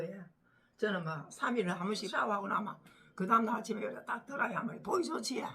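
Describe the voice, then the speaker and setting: An older woman from the Gyeongsang region with a Gyeongsang accent, chatting casually to camera at home over morning coffee. She teases her husband, laughs often and sometimes drops to a soft murmur. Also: medium pitch. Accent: Gyeongsang Korean. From Gyeongsang region, Korea. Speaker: vlogger, home caregiver.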